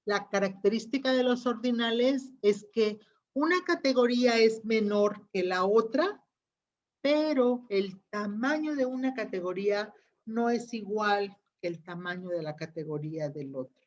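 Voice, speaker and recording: A woman's voice: medium pitch, a little slow. A woman, a teacher giving an online class lecture, explaining patiently and often checking that students follow. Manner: explains patiently, checks understanding with frequent questions. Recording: dull lo-fi audio.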